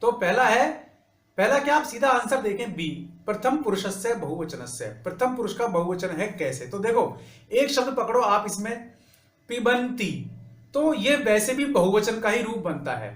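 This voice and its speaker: High-voiced man explaining exam answers. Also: big pitch swings, echoey room. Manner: methodical, steps through each answer and recites grammar rules slowly. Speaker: teacher.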